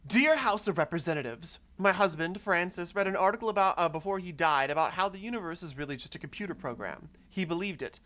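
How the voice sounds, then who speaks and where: A man's voice: high voice, animated, fast talker, few pauses, bright, forceful tone, voice pushed up. A man reading out a grieving widow's letter in a silly put-on voice. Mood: earnest pleading.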